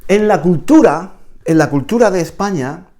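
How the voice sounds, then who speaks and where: A man with a Spain Spanish accent teaching a casual video lesson. His voice sits a little high and swings widely in pitch. He repeats phrases and laughs often. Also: lively intonation, normal speed, dark tone.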